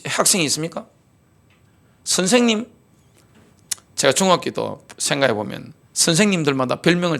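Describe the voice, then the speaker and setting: A man's voice: high-pitched, creaky, fairly bright tone. A middle-aged man preaching a sermon as pastor, driving points home with rhetorical questions and repetition. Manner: repetitive call-and-response delivery.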